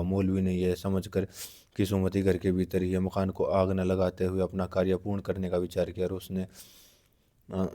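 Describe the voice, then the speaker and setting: Deep-voiced man reading a book aloud. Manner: measured, steady reading. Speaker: reader.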